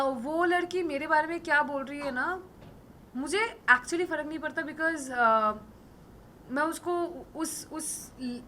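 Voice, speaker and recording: A hoarse young woman in her twenties, an influencer and model, talking defiantly and emphatically in an interview. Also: sits high, pushed and bright, a little hiss or hum. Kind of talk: casual interview talk.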